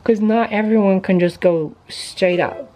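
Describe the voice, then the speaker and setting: A woman's voice: mid-range voice, a little slow, mellow, a little hiss or hum, poor audio. A woman vlogger talking casually to camera, sharing tips in an informal, chatty way with many fillers.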